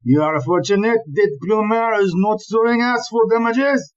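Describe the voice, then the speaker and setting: A male actor with a high voice plays an exasperated, blustering chief police inspector in a comic audio play, ranting in an emphatic, deliberate way. His mood is scolding and sarcastic, and the recording sounds muffled.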